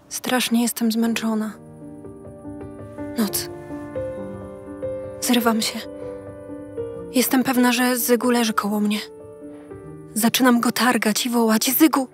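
A woman reading diary entries and poems aloud in a slow, tender, dreamy way. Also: on the high side. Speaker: diary reader. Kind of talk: slow, emotional literary reading. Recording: faint music behind the voice.

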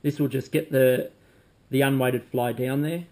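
Man, forties, casual fly-tying tutorial, unhurried, home desk. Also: mid-range voice. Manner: relaxed, talks while working, frequent ums. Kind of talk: casual demonstration. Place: home room with bookshelves, indoors.

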